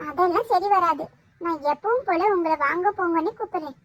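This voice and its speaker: A woman voicing a shy, polite young village woman in a cartoon, speaking hesitantly and softly. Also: very high-pitched, fairly quick. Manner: hesitant, soft-spoken. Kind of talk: cartoon voice acting.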